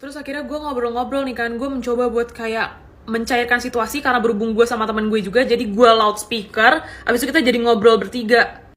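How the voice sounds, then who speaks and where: Animated young woman, slightly high voice. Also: fast. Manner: animated, slangy, dramatic retelling. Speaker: podcast storyteller. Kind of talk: casual storytelling chat.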